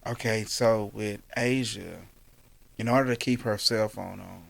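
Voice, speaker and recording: A man talking as a guest in a casual interview, laid back and calm as he tells his stories. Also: on the low side, measured pace, creaky, dry recording. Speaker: basketball coach, podcast guest.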